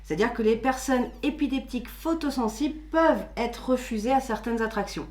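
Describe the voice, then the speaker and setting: Recorded in an echoey room, a woman with a fairly high, darkish voice talks briskly as co-host of a theme-park channel. Her casual explanations are patient and sprinkled with fillers.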